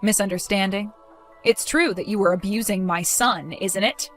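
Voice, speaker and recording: A woman's voice: medium pitch, normal speed, fairly bright tone, faint music behind, lightly acted. A woman voicing a protective young mother in a dramatized story, accusing and sarcastic.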